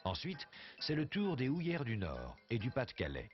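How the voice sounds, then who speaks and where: A man's voice: mid-range voice, huge pitch swings, normal speed. A man narrating a documentary from a script. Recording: dull soundtrack with faint music.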